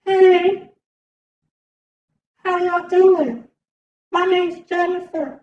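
Give me a teasing fake girl voice from a man through an electronic voice changer, slow and echoey. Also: very high-pitched, fairly even intonation, muffled recording, pitched above the performer's own voice, heavily acted. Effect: electronic voice changer making the voice sound female. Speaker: prank streamer.

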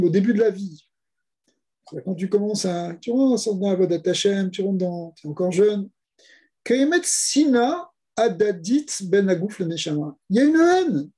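Husky, mellow-voiced rabbi teaching. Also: male voice, high-pitched. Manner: rhetorical questions, explains step by step, repeats key words. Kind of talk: Torah lesson.

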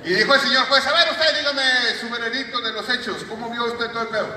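A Mexican man doing stand-up comedy, telling crude jokes deadpan and landing them with a catchphrase. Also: very high voice, fast talker, a little hiss or hum. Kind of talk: stand-up joke telling on stage. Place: large auditorium. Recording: echoey hall audio from far off, loud crowd.

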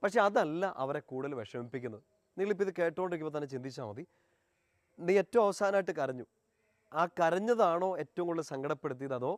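Male preacher, fast pleading sermon, slightly high voice. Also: dry recording. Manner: earnest, pleading, swells then drops soft.

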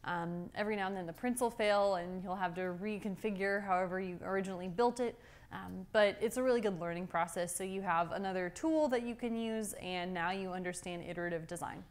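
Speaking quite quickly in a mid-range voice, a young adult student guide shows people around indoor university labs and a hallway. Her tour is casual, cheerful and full of explanation, and steady, clear room noise sits behind her.

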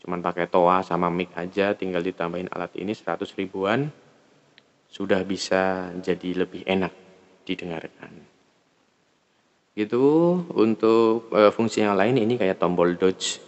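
A product reviewer with an Indonesian accent gives a casual hands-on gear demonstration, informal and searching for words. His voice sits low and sounds flat, unhurried, with long pauses, and the audio is dull.

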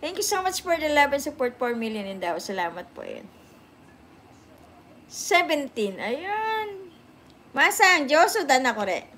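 A woman in her sixties hosts a livestream from the sofa room where she sits, holding her phone camera at arm's length, with slight background noise. Her high, bright, very animated voice moves at a measured pace with frequent pauses, yet she sounds sleepy. Chatty and mixing languages, she answers comments and repeatedly thanks her viewers.

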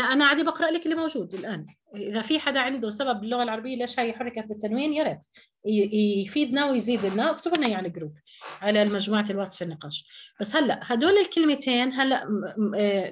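A woman's voice: high-pitched, highs cut off. A woman teaching an online tajweed lesson, explaining step by step, repeating key terms and asking rhetorical questions. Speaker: Quran recitation teacher.

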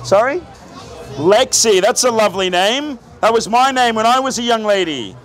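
Casting: Australian male street magician, theatrical joking showman, very high projected voice, crowd and music behind. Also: lively intonation, normal speed, a bit bright. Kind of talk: live street magic show patter to a crowd. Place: outdoor night street market with onlookers.

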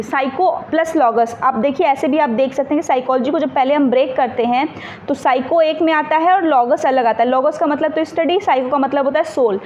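High-voiced woman teaching, lo-fi recording. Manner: explains step by step, asks and answers her own questions; reads English questions slowly. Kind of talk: exam question walkthrough lesson. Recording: dull lo-fi sound with faint noise.

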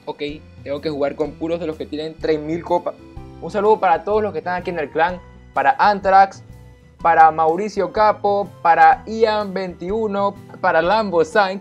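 A man giving live commentary on his own mobile game match, excitable, repeating his phrases and yelping and cheering at the action. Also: high-pitched. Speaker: gaming YouTuber.

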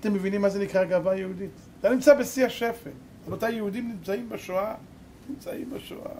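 A rabbi giving a sermon, telling a story dramatically and swinging between loud and hushed. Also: male voice, high-pitched, slight background noise. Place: live lecture event.

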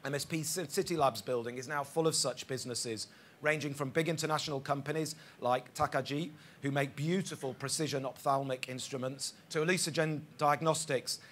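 A man's voice: mid-range voice, fairly even intonation, fairly bright tone. A man presents at a conference, stumbling over a word now and then and filling gaps with fillers. His voice sits in a middle register. Faint hall noise hums underneath. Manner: halting starts with fillers and stumbles. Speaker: conference speaker.

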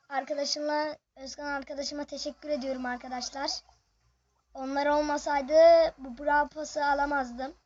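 A high, bright voice commentates a mobile game live, excitable and chatty, turning to the viewers again and again. The sound is dull and lo-fi, like a home recording. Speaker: gaming video host.

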